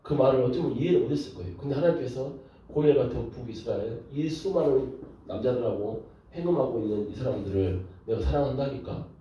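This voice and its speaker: Animated male pastor in an echoey room. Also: medium pitch, fast talker, a little hiss or hum. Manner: animated, rhetorical questions to the audience. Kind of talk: sermon lecture. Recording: echoey room from far off, dull lo-fi.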